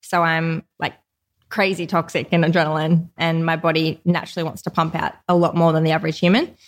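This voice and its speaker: A woman's voice: deep voice, little pitch movement, brisk. A woman from Australia, a podcast guest talking openly and casually about her life, with lots of "like" fillers. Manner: open, chatty, frequent "like" fillers. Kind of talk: casual conversational interview.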